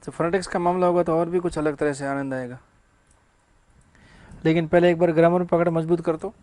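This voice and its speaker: A man's voice: on the high side, fairly even intonation, a little fast, darkish tone. A male English teacher giving a classroom grammar lecture, asking rhetorical questions and answering them himself, with casual joking asides.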